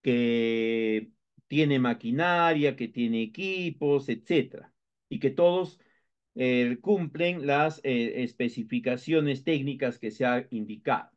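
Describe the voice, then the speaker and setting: A man with a Peruvian Spanish accent teaches a recorded lecture in a mid-range voice, taking his time. As the instructor, he walks through each step with frequent hesitations and restarts, and the lo-fi recording sounds dull.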